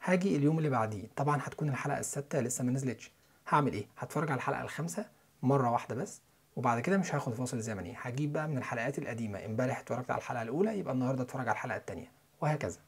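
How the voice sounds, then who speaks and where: A young man with an Egyptian Arabic accent, teaching English listening and pronunciation in a quick, chatty way. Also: medium pitch, breathy edge. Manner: quick, chatty lesson delivery with spelled-out letters and repeated example words.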